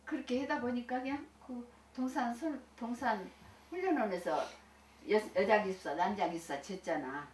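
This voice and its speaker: A woman's voice: on the high side, normal speed. Older woman chatting in an echoey room. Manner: folksy and chatty, laughs often, many restarts. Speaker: senior Won Buddhist minister. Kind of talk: recounting life experiences to listeners. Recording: echoey room, distant mic, faint hiss.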